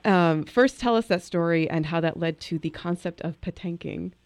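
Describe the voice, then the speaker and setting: A woman guest-hosting a radio interview show, reading measured scripted introductions into a studio microphone. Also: fairly low pitch, darkish tone, dry recording. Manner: measured, scripted station announcements.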